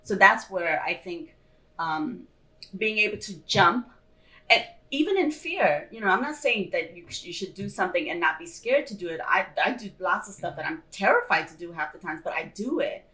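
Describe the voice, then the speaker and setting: A woman's voice: medium pitch, expressive, moderate pace, pushed and bright, low-quality recording. A woman talking earnestly and encouragingly in a casual motivational chat, often repeating her points.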